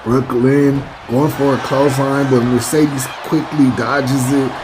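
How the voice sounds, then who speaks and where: A male wrestling commentator calls a video game match play by play. His pace is slow and his pitch sits in the middle range. He addresses the audience like an announcer, and noticeable noise runs behind his voice. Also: flat delivery. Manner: announcer-style address to listeners with stock exclamations. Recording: clear background noise behind the voice.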